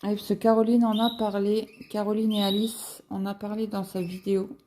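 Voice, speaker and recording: A woman chatting casually as a cross-stitch vlogger, musing aloud with halting fillers as she browses shops online. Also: medium pitch, level tone, dark tone, slight background noise. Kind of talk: casual screen-share chat.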